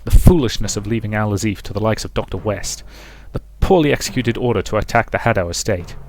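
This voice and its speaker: A man voicing a scheming villain officer, grave, formal and measured, full of suspicion. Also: fairly low pitch, a little hiss or hum, natural voice. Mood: suspicious, insistent.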